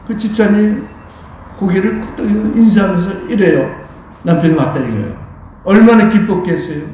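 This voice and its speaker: A man's voice: high voice, warm tone, slight background noise. A man pastor preaching a sermon, telling a story and asking the congregation rhetorical questions. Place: church sanctuary. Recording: very echoey church hall.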